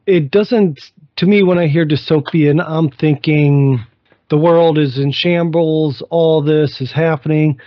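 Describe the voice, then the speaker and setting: A man hosts an interview in a fairly high voice, asking relaxed questions. His sound is dry and somewhat muffled, with a lo-fi quality. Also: unhurried, no room sound. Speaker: interview host. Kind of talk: casual interview.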